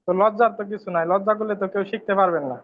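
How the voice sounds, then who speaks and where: A man's voice: high voice, racing, narrow, tinny audio. A man who is a student in an online class asks his teacher questions politely.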